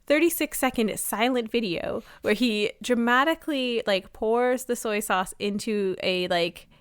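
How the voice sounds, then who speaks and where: A woman's voice: fairly high pitch, measured pace, clean tone, no echo. Young Canadian woman, podcast co-host; chatty, filler-heavy, dry close sound. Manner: chatty, laughing, many "like" fillers. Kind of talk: casual chat.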